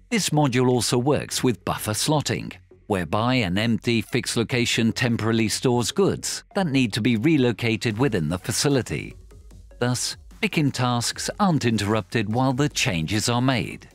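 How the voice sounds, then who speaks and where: Lively male corporate voice-over. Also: medium pitch. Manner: clear, evenly paced promotional delivery. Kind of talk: scripted narration. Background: soft background music.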